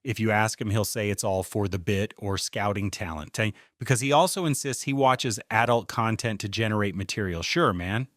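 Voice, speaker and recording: A man's voice: lowish voice, moderate pace, few pauses, fairly bright tone, no room sound. A man reading scripted commentary in a dry, sarcastic tone. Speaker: commentary host.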